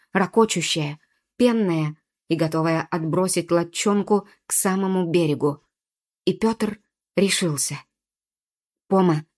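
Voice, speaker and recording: A woman narrates a storybook with vivid, dramatic delivery. Her voice sits on the low side for a woman. She reads with clear, expressive phrasing. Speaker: audiobook narrator.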